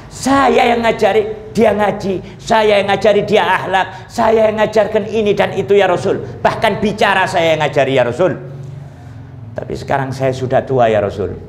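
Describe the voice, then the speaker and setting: A man's voice: high-pitched, moderate pace, a little hiss or hum, voice pushed up, close to an everyday voice. A preacher puts on an aged father pleading his case, calling out again and again in a raised, imploring voice. The sound is roomy and echoing. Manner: pleading, repeatedly addressing the Prophet. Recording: roomy echo.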